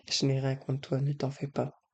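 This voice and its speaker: A man with a breathy voice, speaking softly in an ASMR style as he advises the listener. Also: medium pitch, monotone, slow. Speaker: ASMR video creator. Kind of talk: soft-spoken ASMR, advising the listener directly.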